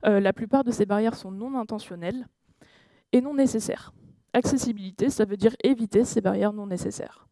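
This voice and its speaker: Mellow-voiced woman giving a conference talk. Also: medium pitch, brisk, no room sound. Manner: hesitant, many fillers and self-corrections; engages the audience with questions. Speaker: conference speaker. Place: conference room.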